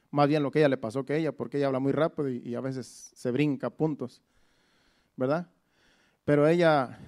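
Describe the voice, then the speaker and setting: A man's voice: fairly high pitch, darkish tone. Man giving a rambling sermon testimony. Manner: conversational, with frequent restarts and repetitions. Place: church. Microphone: sermon recording.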